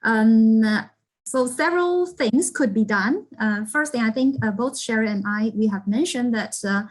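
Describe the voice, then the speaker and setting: A woman's voice: a little high, lively intonation, normal speed, poor audio. A woman on an academic panel answering audience questions earnestly, with many fillers and restarts.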